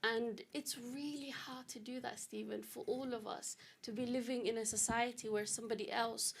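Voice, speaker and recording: A woman's voice: fairly high pitch, steady tone, normal speed, gravelly, husky. A woman from Britain speaking as a panelist on an online discussion, earnest and direct about her own experience. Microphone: video call.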